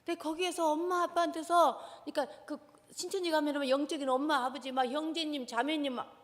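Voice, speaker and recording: Woman prof giving a church seminar, high voice, swoops all over, keeps quizzing the crowd, big hall echo. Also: fairly even intonation, brisk. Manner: impassioned, keeps asking the audience questions. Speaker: seminar lecturer, professor. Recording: long reverb of a large hall.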